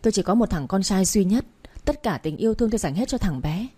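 A woman voices a stern young father in an audiobook romance, firm and commanding, with a low, dark and mellow tone. He sounds controlled and heavy. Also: lively intonation, a little fast, breathy edge. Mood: furious. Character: stern wealthy young father searching for his son.

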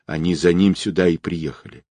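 A man voicing a scheming, tough woman hunting for gold, speaking in an urgent, persuasive hush. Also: sits low, fairly even intonation, a little fast, slightly rough, no room sound, clean studio sound.

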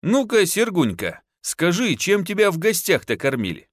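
A man voicing a gruff, mocking peasant husband who talks bluntly. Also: sits high, big pitch swings, moderate pace, dry recording, clean studio sound, pitched above the performer's own voice.

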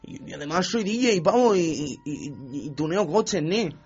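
A man's voice: high-pitched, expressive, moderate pace, slightly rough, heavily acted. A man doing a rowdy slangy club kid. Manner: rowdy, slangy, stammering, loud. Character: brash young male tuning fan and club DJ. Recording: dull radio studio sound with faint music.

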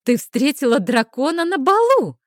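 A shrill, insistent young woman friend, excitable and bossy, as a woman narrator puts her on. Her voice climbs high and loud with every demand. The reading is dry and close. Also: moderate pace, dry recording. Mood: eager. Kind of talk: audiobook character voice.

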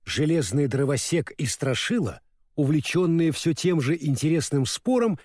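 A man reads a children's storybook aloud with an expressive, animated delivery. His voice sits a little high and moves a lot in pitch. The sound is close and dry, with no room echo. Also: normal speed. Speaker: narrator. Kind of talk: storybook reading.

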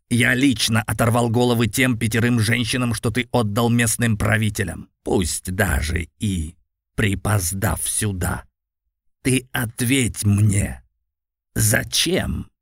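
A man's voice: mid-range voice, steady tone, a little slow, vocal fry, a bit bright, no room sound, clean studio sound. Man voicing an arrogant growling demon lord. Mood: contemptuous, gloating. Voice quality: slightly growling. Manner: lazy, scornful, grandly boastful demon lord speech. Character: huge arrogant male cat-like rakshasa demon lord, contemptuous, bored. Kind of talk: audiobook character voice.

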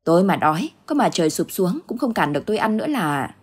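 A woman's voice: on the low side, sing-song, fast, slightly rough. A woman voicing an anxious, stubborn elderly village husband who insists he sees something. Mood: denying.

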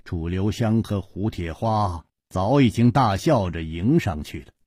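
A man narrating a martial-arts story in a dramatic, expressive storytelling manner. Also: low voice, unhurried, slightly rough, no room sound, studio quality. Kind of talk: traditional Chinese storytelling narration.

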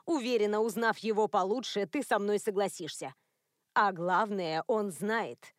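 A woman voicing a prim, controlling elderly woman who is a werewolf grandmother, lecturing in a cold, even tone. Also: mid-range voice, measured pace, no echo, studio quality, lightly acted. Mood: stern.

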